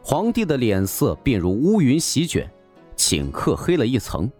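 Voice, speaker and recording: A man's voice: medium pitch, wildly swooping pitch, unhurried, darkish tone, soft background music. A man narrating a martial-arts novel in a theatrical, suspenseful storytelling style. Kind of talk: dramatic audiobook narration.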